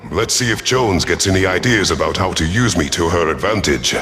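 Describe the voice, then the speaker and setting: Soft music runs beneath this sci-fi audio story, where the narrator, a man with a deep, fairly bright voice, reads fairly quickly. His dramatic first-person narration casts him as a grave alien commander.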